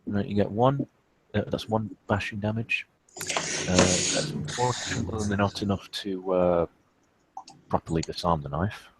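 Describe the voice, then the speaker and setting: A man running a tabletop role-playing game as storyteller, explaining rolls with many pauses and fillers. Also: lowish voice, very noisy. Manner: hesitant, lots of fillers.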